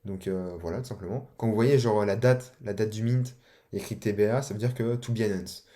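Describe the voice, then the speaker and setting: A man's voice: fairly low pitch, steady tone, brisk, mellow. A young man casually teaching online, talking loosely with slang and many fillers. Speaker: online course instructor. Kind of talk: casual explanatory tutorial.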